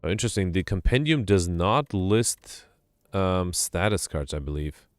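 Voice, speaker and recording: A man with a deep, animated voice chats casually at a moderate pace while streaming a co-op game, recorded dry. He thinks aloud as he plays, hesitating often and saying "um" a lot.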